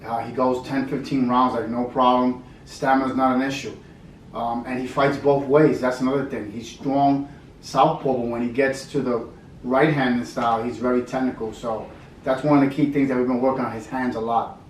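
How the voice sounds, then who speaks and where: A man's voice: medium pitch, fairly even intonation, normal speed, distant mic. Middle-aged man in an echoey room. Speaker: combat sports trainer and former fighter. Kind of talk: casual interview answers. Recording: echoey room, off-mic, faint background noise.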